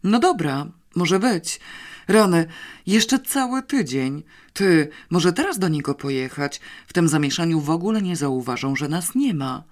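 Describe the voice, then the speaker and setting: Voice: medium pitch, animated, unhurried, lightly acted. An audiobook reader voicing an offhand, cocky young schoolboy with a dismissive, boyish way of talking, in a somewhat raised voice.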